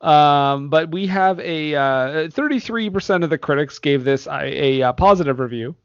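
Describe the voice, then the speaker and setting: A man's voice: on the high side, normal speed, clear, resonant tone, no room sound, lo-fi sound. A man co-hosting a casual movie podcast, reading critics' reviews aloud and laughing often. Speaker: podcast co-host.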